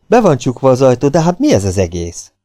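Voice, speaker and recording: A man doing a cool, brusque armed gentleman. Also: mid-range voice, huge pitch swings, no room sound, studio quality, faint music behind, pitched above the performer's own voice. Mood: cool defiant.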